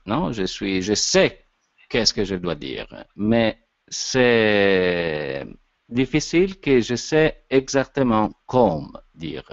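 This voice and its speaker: A man with an Italian accent, whose first language is Italian, gives an informal lecture as an actor and director, halting often and searching for his words. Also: on the low side, no room sound. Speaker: actor and director giving a talk on voice. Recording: dull lo-fi sound, dry.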